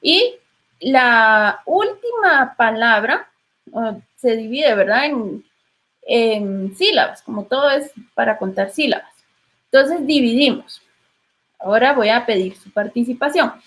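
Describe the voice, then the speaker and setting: A woman's voice: on the high side, animated, slow pace, a bit bright. A woman with a Guatemalan Spanish accent teaching literature in an online class, patiently prompting students with questions.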